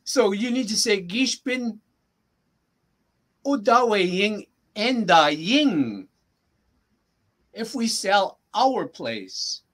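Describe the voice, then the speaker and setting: Slow, patient male language teacher. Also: high voice, very animated, fairly bright tone. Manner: patient, repeats phrases slowly for the learner. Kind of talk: casual language lesson.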